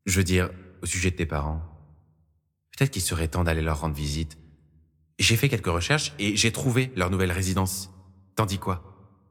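A man's voice: low voice, normal speed, pauses often, a bit bright, long reverb tail. A man voicing a young, crude, teasing nun with casual slangy talk in an audiobook story. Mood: coaxing.

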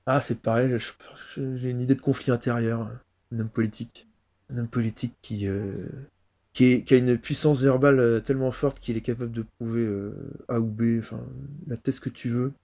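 A man's voice: mid-range voice, steady tone, brisk, warm tone. A man being interviewed as a guest improviser, thinking aloud with many restarts. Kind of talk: casual interview chat.

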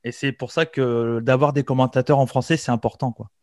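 A man's voice: medium pitch, steady tone, a little fast, a little mellow, no echo, clean studio sound. A man in his thirties from France hosting a wrestling interview podcast, talking eagerly with many fillers and restarts. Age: 30s. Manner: hesitant, filler-heavy, eager. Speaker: podcast host, commentator.

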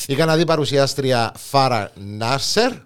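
A man with a Greek Cypriot accent co-hosting a show, telling news in a casual, halting, colloquial way. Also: medium pitch, animated, smooth. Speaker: co-host of a comic news show. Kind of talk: casual news chat and banter.

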